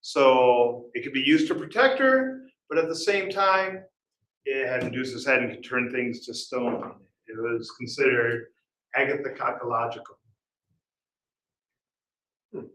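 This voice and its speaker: A man's voice: medium pitch, unhurried, long pauses, a bit bright, slight background noise. Chatty man presenting in an echoey hall. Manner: chatty, quizzes the audience, laughs at himself. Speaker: conference speaker. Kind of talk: casual conference talk with audience banter. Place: conference room. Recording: echoey hall, voice heard from a distance at times.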